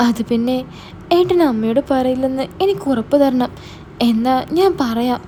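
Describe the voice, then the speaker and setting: Woman playing a frightened teen sister, begging, hesitant, high and soft-toned. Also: expressive, moderate pace, slight background noise. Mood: pleading. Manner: hesitant, pleading. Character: scared teenage younger sister, pleading.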